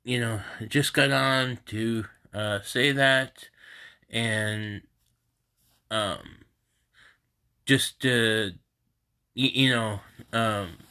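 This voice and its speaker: A man with a stuffy, congested nose, talking in a halting, rambling way on a casual live stream from home into his phone. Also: medium pitch, steady tone, bright, forceful tone, smooth. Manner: halting and rambling, many restarts. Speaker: host of a live group stream. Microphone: phone camera.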